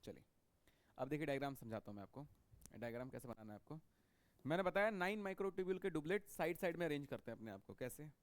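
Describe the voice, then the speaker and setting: A man's voice: on the high side, lively intonation, quick pace. A man teaching a biology lecture in a classroom style. He repeats key points and keeps checking that students follow him. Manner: repetitive, checks understanding with frequent "okay".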